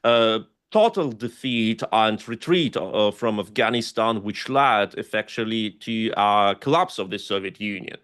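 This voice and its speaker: A man's voice: lowish voice, unhurried, hardly any pauses, fairly bright tone. A man from Russia, not a native English speaker, answering interview questions earnestly and hesitantly, with many fillers as he lists historical examples. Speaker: guest scholar and activist.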